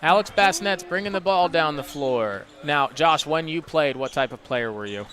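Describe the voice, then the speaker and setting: A man doing rapid play-by-play for high school basketball on radio, chatting with his co-hosts between plays. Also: lively intonation, fairly bright tone. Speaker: play-by-play announcer.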